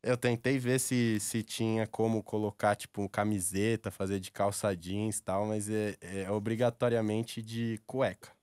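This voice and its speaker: A man's voice: on the low side, fairly even intonation, a little slow, hardly any pauses, a little mellow, clear, resonant tone, no echo. A Brazilian man in his twenties in casual, coaxing, slangy chat at a studio microphone. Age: 20s. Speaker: radio prank caller. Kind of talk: casual persuasive phone prank chat. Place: radio studio. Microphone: studio microphone on desk stand.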